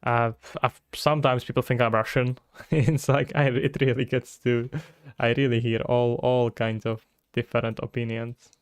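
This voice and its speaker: With little pitch movement, a medium-pitched man talks at a moderate pace in a clear, resonant tone, recorded dry with clean studio sound. He's a Czech-accented streamer from the Czech Republic who works on game development while thinking aloud and casually answering chat.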